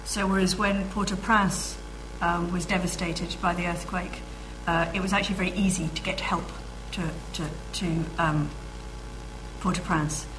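A woman speaker answering audience questions at a lecture, measured and thoughtful, with frequent pauses. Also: fairly low pitch, steady tone, noisy background. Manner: measured, with frequent ums and restarts. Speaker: guest speaker.

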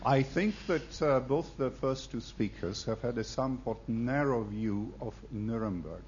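A man from the audience making a forceful, argumentative point at a public debate. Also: mid-range voice, unhurried, highs cut off, a little hiss or hum. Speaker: audience member asking a question. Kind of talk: public debate floor question.

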